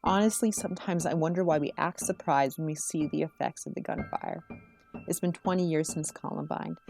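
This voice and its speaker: A woman performing spoken word slam poetry in an earnest, rhythmic, rhyming delivery with measured phrases. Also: on the low side, mellow.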